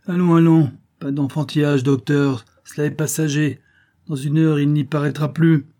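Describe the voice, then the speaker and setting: A man reading an audiobook, voicing a fussy, excitable middle-aged male physicist who exclaims in a raised, higher voice. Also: moderate pace, lightly acted. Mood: blustering.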